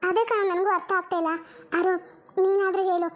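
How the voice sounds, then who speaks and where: A woman's voice: extremely high pitch, flat delivery, fast talker. A woman voicing an indignant young woman who defends herself and reassures her family. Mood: worried.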